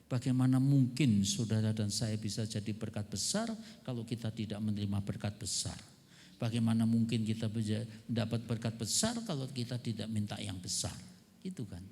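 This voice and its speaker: A man's voice: lowish voice, steady tone, brisk, a little mellow, long reverb tail. A male pastor preaching a conversational sermon at a church seminar, full of rhetorical questions.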